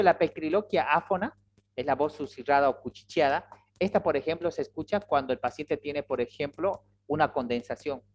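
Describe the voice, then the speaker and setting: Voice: mid-range voice, a little hiss or hum. Lecturer dull lo-fi audio. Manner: explanatory, checks in with "¿ya?" and "¿listo?". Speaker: medical lecturer. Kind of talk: online lecture to students.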